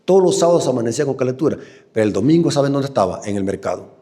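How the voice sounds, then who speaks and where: A man with a Salvadoran Spanish accent delivering a sermon in a mellow, warm voice. He is animated and keeps turning to the congregation with questions. His pitch sits in the middle of the male range. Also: very fast. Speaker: preacher.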